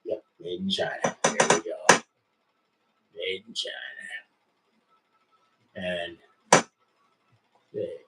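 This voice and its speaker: A man's voice: sits low, little pitch movement, slow, pauses often, very noisy. A middle-aged man hosting a casual livestream, rambling in an easygoing way with lots of fillers and restarts. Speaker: livestream host and musician.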